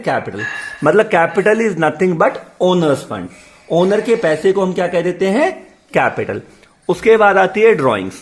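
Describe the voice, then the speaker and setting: A man teaching a commerce class to students. He asks the class questions and answers them himself. He reads English definitions slowly, then explains them in Hindi. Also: high-pitched.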